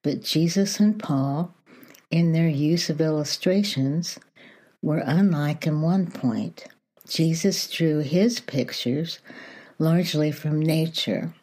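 Low mellow lady reading a devotional slowly, soft morning voice. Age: older. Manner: slow, gentle, unhurried reading. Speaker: podcast host.

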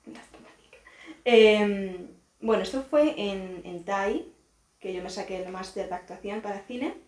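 A woman's voice: medium pitch, a little slow, a little mellow. A woman, an actress, talking openly and reflectively as a guest in a casual podcast chat. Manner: open and reflective, laughs easily. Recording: roomy echo.

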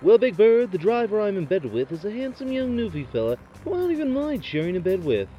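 Deadpan man over a crackly CB radio. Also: sits high, quick pace, highs cut off, soft background music. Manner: deadpan, uses trucker radio lingo. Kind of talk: comedic sketch playing a trucker on a CB radio.

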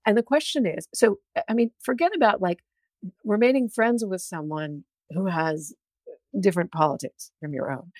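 A woman's voice: medium pitch, normal speed, no echo. A woman guest in a podcast interview, telling stories animatedly with frequent restarts. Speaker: guest, journalist. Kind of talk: conversational interview.

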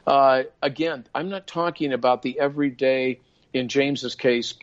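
A man's voice: mid-range voice, steady tone. Man, older, earnest preacherly talk, podcast chat, lo-fi muffled sound. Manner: earnest, preacherly, quick with many restarts. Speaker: guest minister. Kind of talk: casual podcast conversation. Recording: dull lo-fi sound.

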